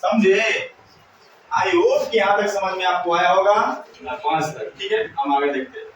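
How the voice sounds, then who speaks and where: A man's voice: high-pitched, big pitch swings, unhurried, slight background noise. A male teacher giving a classroom lesson, drilling students with repeated questions and call-and-response. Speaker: English teacher. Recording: echoey room, mic far off.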